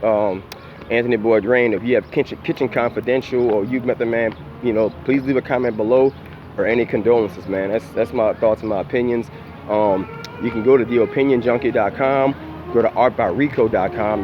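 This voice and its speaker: A man's voice: medium pitch, muffled recording. A man out of breath on a morning walk outdoors, rambling through a casual opinion vlog in profane, slangy talk. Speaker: YouTube opinion commentator.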